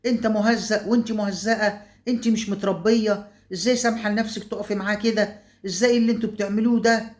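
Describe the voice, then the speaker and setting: A woman voicing a furious, betrayed middle-aged wife in an Egyptian accent, scolding in a shrill outburst. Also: flat delivery, racing, lightly acted. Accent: Egyptian Arabic.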